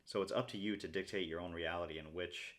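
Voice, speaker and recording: Deep-voiced man rambling to camera. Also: fairly even intonation, fast, a bit bright. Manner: rambling, peppers sentences with "right?". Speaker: vlogger. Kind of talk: casual monologue to camera.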